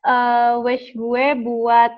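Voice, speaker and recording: A chatty woman, an actress, talks casually over a video call, her voice sitting a little high. She hesitates with fillers and laughs easily. The call audio is dull and lo-fi. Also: monotone, very slow. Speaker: interview guest, actress. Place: home during lockdown.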